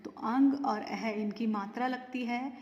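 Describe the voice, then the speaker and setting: Woman, children's grammar teacher, unhurried, asks and answers herself, muffled roomy recording. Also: on the high side, fairly even intonation, a little mellow. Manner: slow, drawn-out word demonstrations, asks and answers own questions. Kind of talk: Hindi grammar lesson for children. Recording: dull, echoey room with long reverb.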